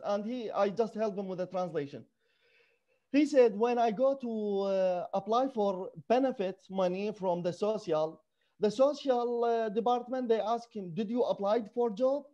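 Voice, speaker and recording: A man with a high, mellow voice talks about refugee rights, earnest and emphatic in halting second-language English. The sound is a little dull and lo-fi. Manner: earnest and emphatic, non-native English with broken grammar. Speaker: refugee activist guest. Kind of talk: conversational interview.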